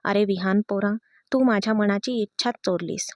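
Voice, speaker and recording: A woman's voice: medium pitch, moderate pace, a little mellow, no room sound, close to an everyday voice. A doting elderly grandfather speaks with fond indulgence, voiced by a woman reading the story. The sound is dry and close, with no room around it. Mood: delighted.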